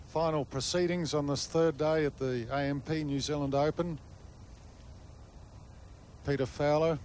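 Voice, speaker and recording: A man giving live golf commentary, explaining play in measured, short phrases. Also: fairly high pitch, darkish tone, slight background noise.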